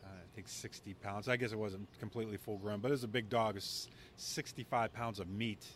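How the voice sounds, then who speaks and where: Low-voiced man hosting a casual chat. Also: steady tone, a little fast, fairly bright tone, a little hiss or hum. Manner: candid, chatty, laughs easily. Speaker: podcast host. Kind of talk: casual conversation. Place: outdoor courtyard.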